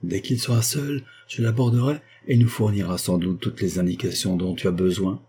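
A man reading a novel aloud as an audiobook narrator, giving the dialogue only small lifts in pitch and little change of voice. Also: fairly even intonation, normal speed, mellow, a little hiss or hum.

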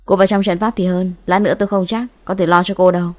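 A commanding young male demon hunter from a ghost audiobook, acted by a woman. He speaks sternly, in forceful scolding orders. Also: on the low side, little pitch movement, fast, natural voice.

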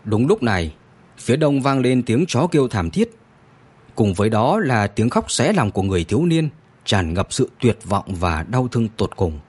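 A man narrating a story in an expressive, dramatic scripted reading. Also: mid-range voice, normal speed, breathy edge.

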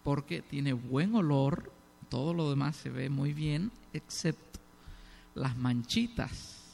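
Slow gravelly middle-aged preacher man. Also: on the high side, lively intonation, darkish tone, a little hiss or hum. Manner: asks the congregation rhetorical questions, stresses key words. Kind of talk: sermon.

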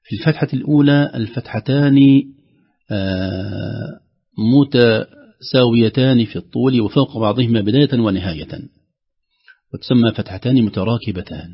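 Male tajweed teacher, mid-low husky voice, slow deliberate recitation demos, muffled lo-fi audio. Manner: slow, emphatic demonstration of recitation. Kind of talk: tajweed lesson with call-in students.

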